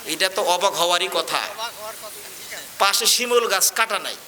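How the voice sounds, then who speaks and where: A man's voice: sits high, unhurried, sharp tone. A man preaching a sermon, telling stories and often asking whether the crowd understands. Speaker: Islamic preacher.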